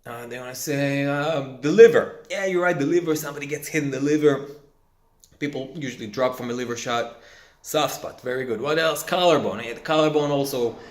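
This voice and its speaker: A man teaching self-defense instructors, working through a lively question-and-answer lesson. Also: mid-range voice, a little fast, roomy sound. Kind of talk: instructor training talk.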